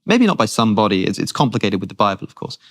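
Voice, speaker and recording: Man, guest, low voice, rapid speech, earnest, thinking aloud with restarts. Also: very animated. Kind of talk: long-form conversation.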